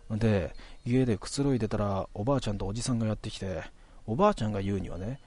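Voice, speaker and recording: A man casually telling a ghost story in a relaxed, conversational way, stretching out some phrases. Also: on the low side, racing, slightly rough.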